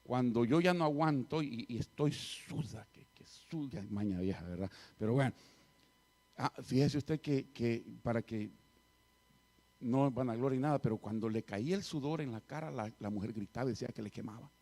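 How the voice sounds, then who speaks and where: Pastor guy preaching, tells it like a story, gets loud then drops real quiet, mid pitch. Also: a little fast. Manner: storytelling, swings from loud to hushed. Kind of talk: sermon with a personal story.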